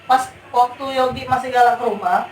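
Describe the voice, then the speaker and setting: A woman's voice: on the high side, moderate pace. A woman, telling a story casually and repeating phrases for emphasis. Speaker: guest recounting ghost sightings. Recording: roomy, distant mic with background noise.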